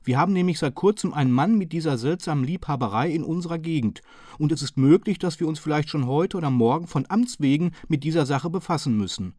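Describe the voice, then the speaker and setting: A man's voice: on the high side, lively intonation, fast talker, a little mellow, dry recording, studio quality, pitched above the performer's own voice. A man voicing a slim, polite and modest middle-aged county councillor who speaks earnestly and precisely.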